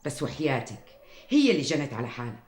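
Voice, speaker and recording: A woman's voice: extremely low pitch, sing-song, fast talker, a little mellow, reverberant. An actress playing a shrewd, resentful mother with a Damascene accent, knowing in her talk. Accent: Damascene Arabic. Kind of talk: TV drama acting.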